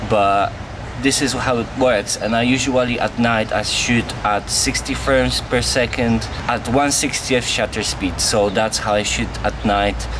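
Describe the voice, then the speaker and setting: A young Polish man vlogs in a casual Q&A to camera, answering viewer questions one by one in a plain, earnest way with a Polish accent. His medium-pitched voice is fairly even and a little slow. The on-camera mic picks up a noisy background.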